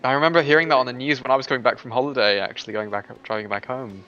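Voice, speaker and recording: A man's voice: medium pitch, steady tone, rapid-fire, sharp tone. Man, co-commentator, chatty, joking, muffled audio. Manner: chatty, laughs, trails off mid-sentence. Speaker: race co-commentator. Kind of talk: casual commentary chat.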